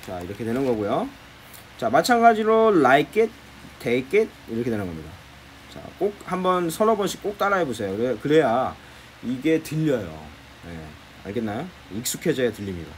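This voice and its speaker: Lively Korean male English teacher. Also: mid-range voice, moderate pace, slight background noise. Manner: explains patiently, repeats key phrases, says "자" often. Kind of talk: explaining English phrases in a lecture.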